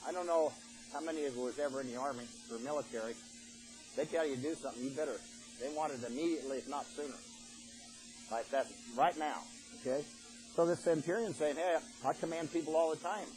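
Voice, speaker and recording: A man's voice: fairly high pitch, fast talker, noisy background. An older man preaching a sermon in a folksy, plain-spoken way, reading scripture aloud and then explaining it.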